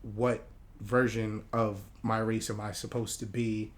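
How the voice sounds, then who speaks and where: A man who grew up in Hawaii, a guest artist talking in a casual interview, relaxed and rambling with many fillers. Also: lowish voice, unhurried.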